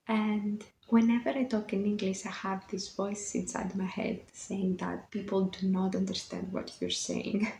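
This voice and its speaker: The audio is poor, with an echoey room and a little hiss or hum, as a Greek woman in her twenties talks books to camera. Her medium-pitched voice is creaky and dark, and she speaks English as a second language with a Greek accent, somewhat self-conscious and frequently laughing.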